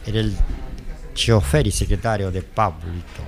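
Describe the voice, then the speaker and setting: A man's voice: lowish voice, normal speed, creaky, faint music behind. An older man with a Chilean accent giving a rambling personal testimony, often repeating himself and quoting what others said. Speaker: interviewee, former driver.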